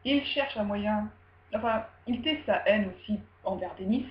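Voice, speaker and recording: A woman's voice: mid-range voice, a little slow, a little hiss or hum. A woman telling a story aloud in a casual, slangy way, often laughing. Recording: roomy, dull recording with faint ambience.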